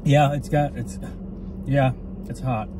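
A man reviewing fast food in a casual, offhand way, talking with his mouth full of sandwich. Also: medium pitch, fairly even intonation, recorded from a distance, background noise. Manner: offhand, rambling, talks while eating.

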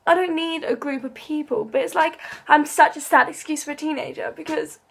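A woman's voice: high-pitched, a little fast, gravelly, fairly bright tone. An eighteen-year-old woman, rambling and swearing as she vents tearfully to camera in a casual vlog. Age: young adult. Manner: emotional, rambling, swears freely. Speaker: vlogger.

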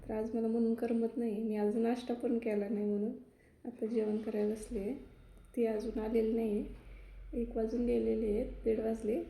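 A young woman vlogger narrating her daily routine in a soft-spoken, chatty, reflective way. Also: a little high, creaky, slightly rough. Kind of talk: casual daily vlog narration.

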